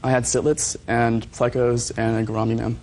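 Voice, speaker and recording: Male plaintiff, even and unvarying delivery, polite, matter-of-fact, some room noise around him. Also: medium pitch, normal speed, low-quality recording. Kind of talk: courtroom testimony.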